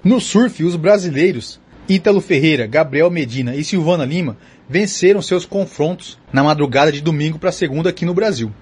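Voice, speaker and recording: A Brazilian man with a husky voice presenting a radio sports news bulletin. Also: fairly high pitch, animated, a little fast, a little mellow.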